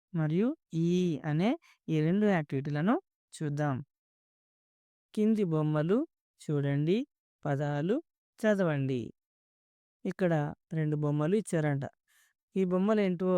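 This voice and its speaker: Patient teacher, smooth warm voice. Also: medium pitch, dry recording. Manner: patient, spells words out syllable by syllable; asks children questions and praises answers. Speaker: primary school teacher. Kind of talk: reading lesson for young children.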